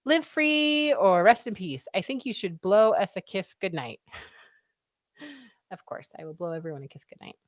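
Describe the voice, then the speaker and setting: Animated and medium-pitched, a scratchy-voiced woman hosts a live stream at a measured pace, chatting loosely and reading viewers' comments out. The recording is dry and of studio quality.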